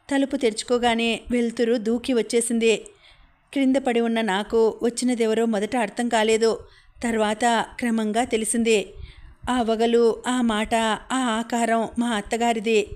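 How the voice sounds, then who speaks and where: A woman's voice: on the high side, a little mellow. A woman narrating a novel in the first person, reading steadily for an audiobook. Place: home recording.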